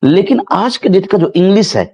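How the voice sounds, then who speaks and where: A man teaches a biology class in a high-pitched, brisk, expressive voice that's a little mellow with a breathy edge, speaking a touch. He repeats himself, explains using everyday examples and calls his students children.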